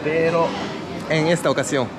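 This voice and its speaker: A man speaking through a face mask as he hosts a casual food-tasting travel vlog at a street market, talking slowly and addressing his viewers. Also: on the high side, steady tone. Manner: slow, unhurried talk addressed to viewers. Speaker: travel vlogger. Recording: loud outdoor street noise.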